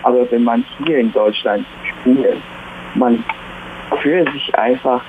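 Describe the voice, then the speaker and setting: Young man speaking haltingly on a phone line. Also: mid-range voice, noisy background. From Taiwan. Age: young adult. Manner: halting non-native speech, many pauses. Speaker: music student. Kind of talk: phone interview.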